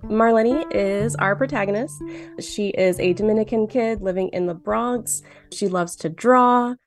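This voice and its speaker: A guest cartoonist from Michigan in their late twenties answers interview questions chattily, using lots of fillers and laughing often. The mid-range voice keeps a measured pace, and music sits under the speech.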